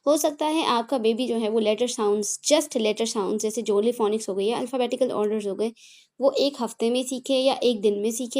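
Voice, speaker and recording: A woman's voice: on the high side, darkish tone. A woman teaching parents how to teach phonics step by step, switching between Hindi and English and checking in often as she explains. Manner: mixes Hindi and English, explanatory, frequent "theek hai" check-ins; self-correcting with apologies. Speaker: phonics tutor.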